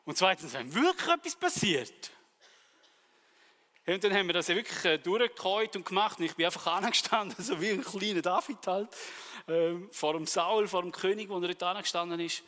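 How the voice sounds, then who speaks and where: High bright-voiced Swiss preacher. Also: male voice, fairly quick, in a large hall. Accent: Swiss German. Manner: lively storyteller acting out dialogue. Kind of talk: sermon with personal stories.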